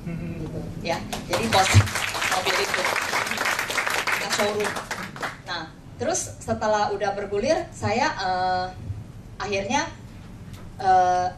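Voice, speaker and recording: This woman, with a Jakarta Indonesian accent and medium pitch, talks slowly with long pauses while a crowd murmurs behind her. Leading an agency, she offers an informal motivational talk indoors, recounting personal anecdotes, performing dialogue, and often using tag words to invite agreement. The sound is distant, echoey, and noisy.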